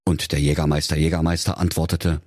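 Deep husky comic storyteller, man. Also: fairly quick, no echo, clean studio sound. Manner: lively, playful storytelling. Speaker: narrator. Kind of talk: comic fairy-tale narration.

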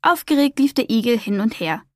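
A woman narrating a children's storybook in a calm, expressive reading voice. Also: fairly high pitch, fairly quick, dry recording, studio quality.

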